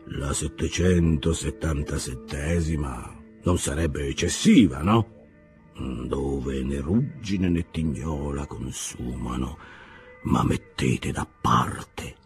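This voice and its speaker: Male reader playing a solemn, miserly old shipowner: deep, slow, sepulchral. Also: soft background music, full character voice. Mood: mumbling. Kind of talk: audiobook character voice.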